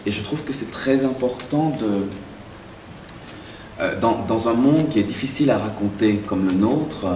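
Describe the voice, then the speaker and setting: A man who grew up in Belgium and Zaire, answering interview questions about his work as a playwright in a thoughtful way, pausing and restarting as he searches for words. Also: mid-range voice, darkish tone, slight background noise. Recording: echoey room, mic far off.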